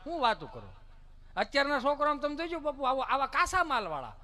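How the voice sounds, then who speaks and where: A middle-aged man performs a folk comedy monologue in a high, bright voice. He swings his pitch widely and slips into put-on voices of fussing mothers and whiny kids. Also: fast. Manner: animated, mimics mothers and children with put-on voices. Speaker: stand-up storyteller.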